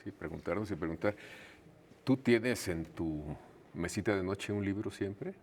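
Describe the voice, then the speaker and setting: Deep-voiced male interview host. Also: unhurried, a little mellow, a little hiss or hum. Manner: affirming, short back-channel replies. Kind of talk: conversational interview.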